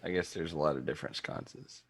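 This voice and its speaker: A man's voice: very deep voice, expressive, a little fast, vocal fry, slightly rough. A man playing a tabletop game, chatting casually in a blunt, questioning way. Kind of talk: casual chat.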